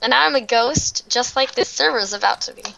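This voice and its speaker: Bright giggly woman gamer. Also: fairly high pitch, fairly quick, vocal fry, dull audio. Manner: giggly, playful teasing. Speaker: guest player. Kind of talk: casual gaming chat.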